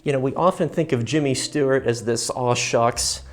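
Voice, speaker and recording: A man with a mid-range voice presents a guided history tour on location. He explains things informally, in measured phrases, and stresses key words as he goes. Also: medium pitch, darkish tone. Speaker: host of a history and film channel, guiding a museum tour. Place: inside a museum gallery.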